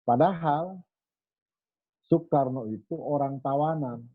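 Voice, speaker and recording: A man telling history in a relaxed, anecdotal way, acting out remarks he quotes. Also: on the high side, slow pace, no echo. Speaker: speaker on history. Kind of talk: storytelling history talk. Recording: tinny phone-like recording.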